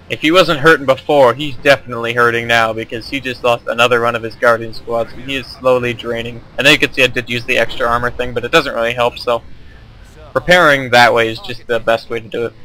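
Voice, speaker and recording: A man's voice: medium pitch, fairly even intonation, fairly quick, pushed and bright, poor audio. A young man casually commentating his own strategy game replay, rambling and correcting himself as he goes. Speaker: gameplay commentator.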